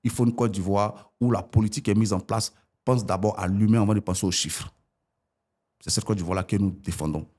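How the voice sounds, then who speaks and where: A man's voice: fairly quick, husky. A man in his forties from Ivory Coast, a politician arguing his points as a guest in an interview. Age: 40s. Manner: animated, rising pitch when arguing.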